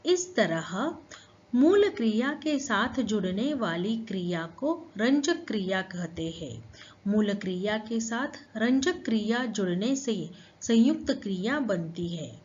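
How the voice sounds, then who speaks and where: A woman teacher explaining a grammar lesson to schoolchildren, slow and patient. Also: medium pitch, dull audio.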